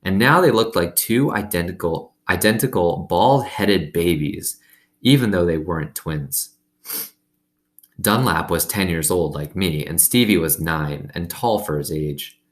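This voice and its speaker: A man with a low voice reads a children's novel aloud to students at a measured pace. He reads expressively, with casual asides to his listeners.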